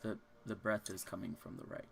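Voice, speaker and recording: A man with a low, gravelly voice runs a tabletop game. He builds each scene slowly, with careful description. His voice has a rough, fried texture throughout. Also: level tone, fairly bright tone. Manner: slow, descriptive scene-setting. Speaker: game master.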